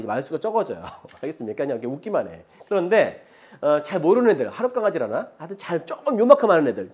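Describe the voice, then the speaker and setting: A man's voice: a little high, a little mellow. A middle-aged man giving a math lecture in a chatty way, often checking in with the students and laughing as he talks. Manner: chatty, mixes polite and casual speech, often checks in with the students. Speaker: math teacher.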